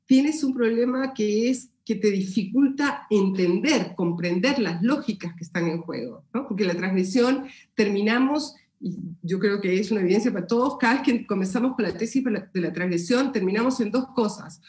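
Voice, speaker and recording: Speaking at normal speed in a medium-pitched, darkish voice, a Peruvian woman gives a considered answer during an academic seminar, her words reverberating around her. The sociology lecturer uses Peruvian-accented Spanish, with plenty of fillers and restarts.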